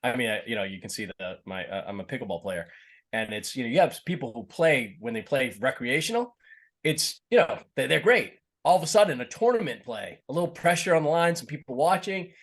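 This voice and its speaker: A middle-aged man from Boston, an actor guesting on a podcast, speaks in a mid-range voice with lively intonation at a fairly quick clip. His slight Boston accent comes through as he rambles, restarting his sentences and filling gaps with fillers.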